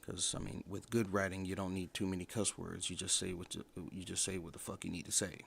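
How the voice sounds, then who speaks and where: A man's voice: deep voice, little pitch movement, brisk, vocal fry, slight background noise. A man in his twenties giving a casual livestream review in a blunt, opinionated, rambling way. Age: 20s. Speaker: show reviewer.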